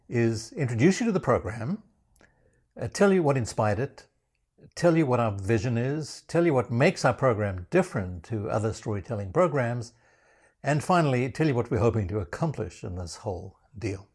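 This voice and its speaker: A man's voice: mid-range voice, darkish tone, breathy edge. A man from Africa, presenting a scripted introduction with dry, self-mocking humor. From South Africa. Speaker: program founder presenting.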